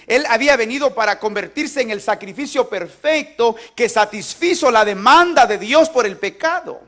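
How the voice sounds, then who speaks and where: A man with a very high-pitched, slightly bright voice preaches a sermon as pastor. He is emphatic, using call-and-response and asking the congregation to repeat lines aloud with him.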